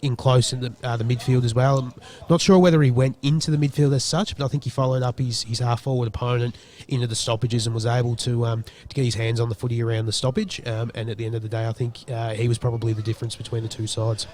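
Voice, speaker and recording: A man's voice: mid-range voice, little pitch movement, quick pace, darkish tone, slight background noise. An Australian man giving post-match football commentary, loose and rambling with lots of ums and restarts.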